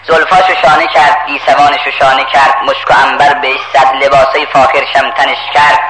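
A man's voice: mid-range voice, level tone. A man preaching a sermon, telling a story dramatically and emphatically. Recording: echoey hall with crowd.

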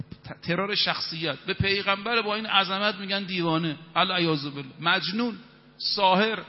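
A man in his fifties preaching an evening sermon, speaking emphatically and reciting verses in Arabic. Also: fairly high pitch. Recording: reverberant, dull hall sound.

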